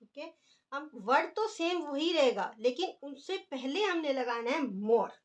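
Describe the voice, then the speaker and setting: Slow, high-voiced woman teaching grammar. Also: lively intonation. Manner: slow, patient explaining, stretching out example words while writing. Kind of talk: classroom grammar lesson.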